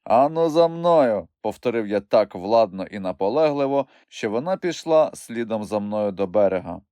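A man reading a novel aloud as a first-person audiobook narrator, in an expressive, animated way. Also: lowish voice, normal speed, no echo, clean studio sound.

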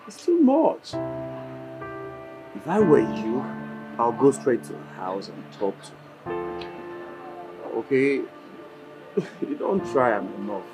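Pleading Nigerian friend. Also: male voice, mid-range voice, slow, pauses often, over music, poor audio. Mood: urging. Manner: pleading, lively. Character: man urging his friend to make peace. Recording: film score under dialogue.

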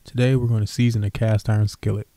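Low-voiced man hosting a cooking tutorial. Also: fast, no echo. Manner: relaxed, with many fillers and restarts. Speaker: cooking channel host. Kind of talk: casual voice-over tutorial. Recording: voice-over with music bed. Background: background music.

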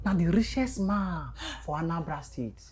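A woman with a Nigerian accent playing a bossy gang boss who taunts, threatens and shouts. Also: lowish voice, lively intonation, moderate pace, slight background noise, lightly acted. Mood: taunting. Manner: mocking, then bursts into shouted threats.

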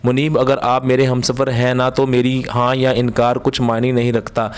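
A playful young woman, voiced by a man narrating a storybook teases with warmth. The line stays flat and level in pitch. She jokes easily and means it kindly. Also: moderate pace, clear, resonant tone, close to an everyday voice. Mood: teasing. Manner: playful joking tone. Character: cheerful teasing young woman, warmhearted.

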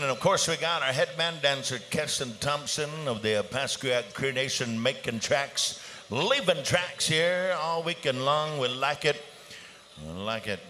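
A man's voice: mid-range voice, pushed and bright. A man working as a powwow emcee, announcing over an arena PA with rallying calls and casual banter. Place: large indoor arena. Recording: clear arena ambience noise around PA voice.

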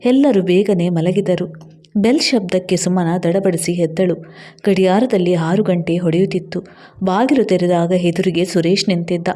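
A woman storyteller reading a scripted tale in an even, measured way. Her voice is dark and mellow throughout. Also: fairly low pitch.

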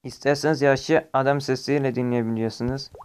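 Man, medium pitch, casual tutorial presenter, plain step-by-step explaining, slightly noisy amateur recording. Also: fairly even intonation, a little fast. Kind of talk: casual screen-recorded app walkthrough.

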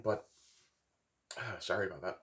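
A middle-aged man vlogs off the cuff to camera from a small indoor wooden workshop. He's sick, and his blocked nose makes his fairly low, slightly bright voice sound stuffy and congested. His unscripted monologue is halting and rambling, with long pauses.

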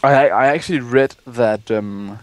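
Young male let's play host, middle pitch, loose rambling chat, swears when startled. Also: a little slow, no room sound. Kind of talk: casual gaming chat.

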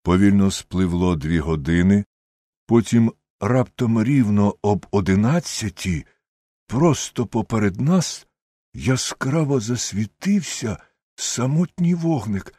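A man narrating an audiobook with steady, close-miked storytelling and a husky voice. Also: lowish voice, slow, dry recording. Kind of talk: scripted narration.

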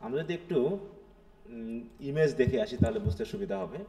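A man's voice: medium pitch, lively intonation, fairly quick, creaky, warm tone. A man teaching an English literature class live, mixing Bengali and English and often checking with his students. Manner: explains step by step, keeps checking with students.

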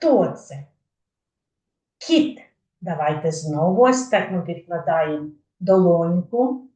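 A woman teaching young children, speaking slowly in a sing-song way and stressing syllables carefully. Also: lowish voice, mellow. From Ukraine. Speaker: kindergarten teacher. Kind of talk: slow, clear lesson for young children. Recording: echoey room, mic far off.

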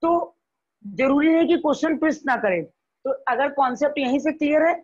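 A woman's voice: high-pitched, expressive, a little fast, muffled recording. A woman teacher with an Indian accent giving a classroom biology lecture, repeating points and checking that students follow.

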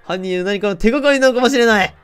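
A man's voice: high voice, rapid-fire, fairly bright tone, clear, resonant tone, faint music behind. A man voicing a stiff, pompous older male police inspector in a game, speaking in formal commands. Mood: commanding.

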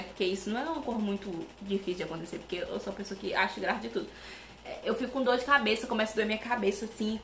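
A young Brazilian woman chatting to camera as a vlogger, animated and talkative, with many asides to her viewers, at home with a fan running. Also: a little high, reverberant, a little hiss or hum. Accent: Brazilian Portuguese. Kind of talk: casual chat to camera.

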